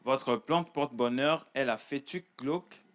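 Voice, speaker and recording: A man's voice: medium pitch, moderate pace, a bit bright. Man co-host reading a horoscope. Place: TV studio.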